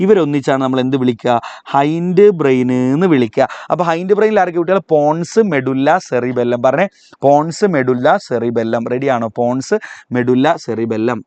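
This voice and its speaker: A man teaching a live online biology revision class with a Malayali accent, calling on students to repeat terms aloud and spelling key words out slowly. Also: medium pitch, a little mellow, dry recording, muffled recording.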